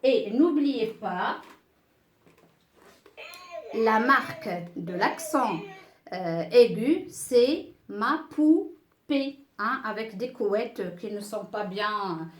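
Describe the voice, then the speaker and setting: A woman teaching a beginner French lesson, speaking slowly and patiently, repeating each word and checking that pupils follow. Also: mid-range voice, expressive, echoey room, slight background noise. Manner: slow, patient, repeats words and checks with "d'accord?".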